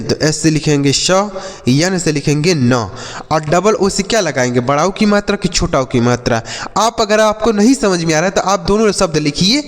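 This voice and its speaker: Male teacher; patient, drills and quizzes kids; reverberant room. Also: fairly high pitch. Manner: patient, slows to drill words and quiz pupils. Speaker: English teacher. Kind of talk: classroom reading lesson for children.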